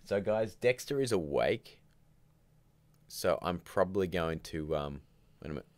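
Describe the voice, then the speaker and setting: The host of a casual home livestream talks in a groggy morning voice, meandering chattily and reading viewer comments out loud. His low voice has lively intonation and a slightly mellow tone, moving at a measured pace with no room sound.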